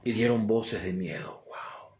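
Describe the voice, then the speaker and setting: A man's voice: fairly low pitch, steady tone, measured pace, a little mellow, a little hiss or hum. A male pastor preaching a sermon, with a Colombian Spanish accent, building emphatic swells and posing questions he answers himself. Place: church.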